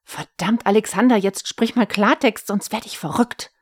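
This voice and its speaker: A woman's voice: mid-range voice, normal speed, husky, no room sound, studio quality, pitched above the performer's own voice, lightly acted. A woman reading an exasperated wife. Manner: sharp, exasperated questions. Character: indignant, bewildered wife, woman.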